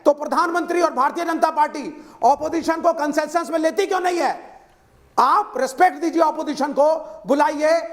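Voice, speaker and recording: Very high-pitched insistent male debater. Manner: insistent, repeats his one question. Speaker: opposition panelist. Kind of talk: heated TV debate.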